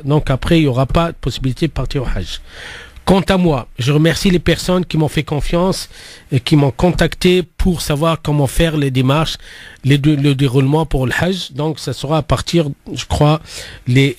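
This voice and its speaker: A man's voice: a little high, no echo. A man hosting an Islamic radio phone-in, explaining conversationally, repeating words and mixing in Arabic phrases. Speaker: radio host and Islamic teacher.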